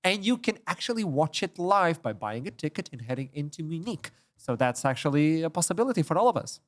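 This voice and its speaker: A man hosting a live esports broadcast desk with loud, upbeat presenter energy. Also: a little high, sing-song, a little fast.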